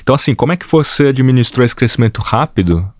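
A man from Brazil hosting a podcast, asking relaxed, affirming questions. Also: medium pitch, quick pace, dry recording, studio quality. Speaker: podcast host. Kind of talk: interview questions, casual.

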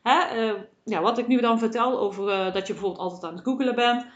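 A woman's voice: a little high, fast, echoey room, lo-fi sound. A woman hosting a solo podcast, speaking earnestly and encouragingly as a coach, often adding a questioning "hè". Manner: earnest, encouraging, many "hè" tags.

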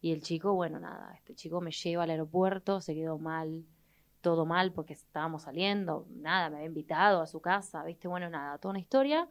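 A young adult woman with an Argentine Spanish accent, telling her story with energy. Her voice sits a little low, and she swings between loud exclamations and soft, hushed asides as she acts out what others said. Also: brisk. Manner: expressive, voices the people she quotes. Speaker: guest. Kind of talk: animated storytelling in conversation.

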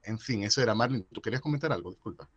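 Fast-talking man, emphatic podcast host. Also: fairly low pitch, expressive, slightly rough, dull audio. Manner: emphatic, repeats himself, acts out remarks. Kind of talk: casual, animated debate.

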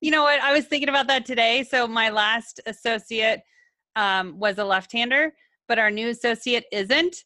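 A chatty woman co-hosting a casual talk show, laughing often as she tells animated workplace stories. Her voice is bright and a little high, recorded close and dry with no room sound. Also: moderate pace, no room sound. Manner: giggly, animated storyteller. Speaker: dental assistant, podcast co-host. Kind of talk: casual chat.

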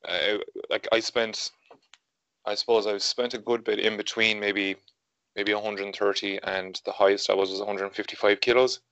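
Podcast guest: man, twenties, west of Ireland accent, lowish flat voice, hesitant informal chat, dry muffled recording. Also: moderate pace, clear, resonant tone, no echo. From Galway, Ireland. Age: 20s. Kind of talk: casual interview chat.

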